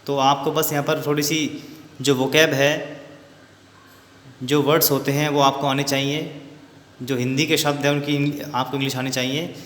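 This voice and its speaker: A man's voice: mid-range voice, level tone, a bit bright. Man teaching grammar in an echoey room. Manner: repeats question-and-answer prompts, slows to dictate examples. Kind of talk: classroom grammar lesson. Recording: very echoey room with long reverb, faint hiss.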